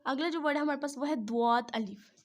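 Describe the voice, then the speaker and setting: A woman patiently teaching how to join Arabic letters, step by step, pausing often to check in. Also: high-pitched. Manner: patient, says "theek hai" between each step. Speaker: Quran teacher. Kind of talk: step-by-step writing lesson.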